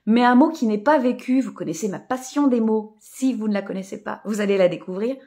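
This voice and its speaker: A woman hosting a live coaching stream, speaking in a reflective, spiritual way with many fillers and soft laughs. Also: a little high, fairly quick. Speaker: host of a live coaching session. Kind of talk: casual live stream talk, greeting viewers.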